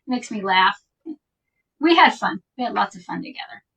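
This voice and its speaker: A woman's voice: mid-range voice, sing-song, unhurried, gravelly, bright, forceful tone, husky, recorded from a distance, poor audio. A woman casually telling a personal story in a chatty, rambling way, laughing often as she talks. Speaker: vintage shop owner telling a personal story.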